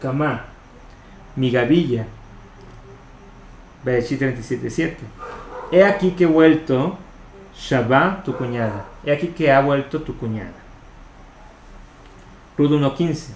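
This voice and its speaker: A man's voice: mid-range voice, darkish tone. Man reading a commentary in an echoey room. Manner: measured, explanatory, spells out Hebrew terms. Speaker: Torah study reader. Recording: echoey room with faint noise.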